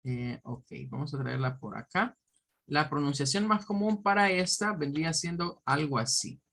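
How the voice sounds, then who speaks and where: A man's voice: fairly high pitch, animated, moderate pace, a bit bright, slight background noise. A man teaching an online pronunciation lesson, patiently explaining step by step, repeating example words and often checking in with his listeners. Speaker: English teacher.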